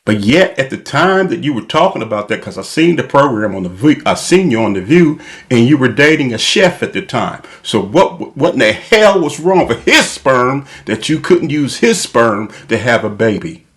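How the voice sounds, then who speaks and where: A man delivering an opinion monologue as a channel host, emphatic and repetitive, spelling his points out deliberately. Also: medium pitch, very animated, fairly bright tone.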